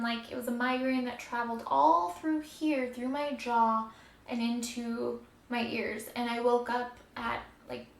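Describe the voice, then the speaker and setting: In an echoey room with a little background noise, a woman vlogs about her recovery, talking openly and conversationally to the camera and emphasizing the discomfort she went through. Her pitch is fairly high, with noticeable vocal fry.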